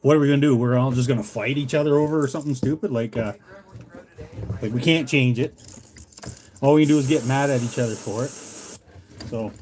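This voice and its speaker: Speaking a touch quickly but pausing often, a Canadian lure-making hobbyist rambles comfortably with live viewers during a casual stream. His mid-range voice is slightly mellow, and the low-quality audio carries a faint hiss or hum.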